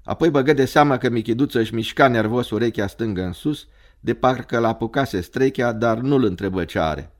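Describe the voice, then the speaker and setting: A man narrating a story in a measured, dramatic reading. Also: mid-range voice.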